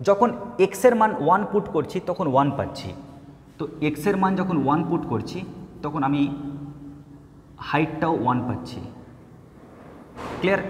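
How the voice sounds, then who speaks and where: Male math tutor, high and lively voice, lecture style, echoey room with long reverb. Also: a little hiss or hum. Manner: asks frequent check-in questions, repeats words for emphasis. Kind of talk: classroom lecture.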